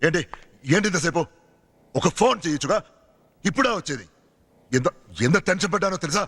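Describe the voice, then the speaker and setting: A man's voice: high-pitched, expressive, fairly quick, fairly bright tone, big-room sound, heavily acted. An actor playing an anxious father who scolds his late daughter.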